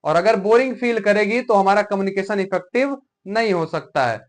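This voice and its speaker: A man's voice: high-pitched, expressive, moderate pace. A male teacher from Uttar Pradesh, India, giving a classroom lecture and often asking rhetorical questions to check understanding.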